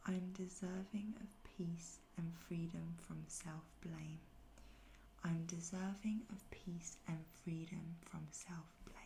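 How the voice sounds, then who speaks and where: Soft woman doing a whispered pep talk, asmr affirmations, slow n flat, bit of fry, faint noise behind her. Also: on the low side. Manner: soft, breathy near-whisper; slow, repeated phrases with pauses.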